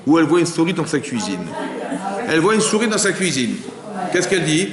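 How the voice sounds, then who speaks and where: A man, a rabbi, giving a religious lesson to a live group, talking in a lively way and asking the room many rhetorical questions. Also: a little high, a little fast, crowd noise. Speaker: rabbi teaching a class. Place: synagogue hall. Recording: echoey hall with long reverb.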